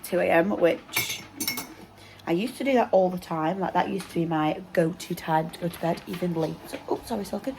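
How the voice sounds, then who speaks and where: A woman's voice: medium pitch, a little hiss or hum. A young woman vlogging casually at home, rambling with lots of fillers and a slight sore throat. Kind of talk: casual vlog chat to camera.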